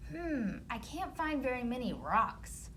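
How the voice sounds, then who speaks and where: An earnest, wary young storybook child, voiced by a woman. The voice is high and lively, simple in delivery, over faint noise. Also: measured pace, full character voice. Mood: worried.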